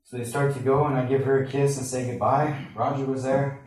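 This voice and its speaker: During a sermon, a pastor earnestly recounts a personal story in a conversational manner. His medium-pitched voice is level, brisk and a little mellow, recorded from a distance in an echoey room.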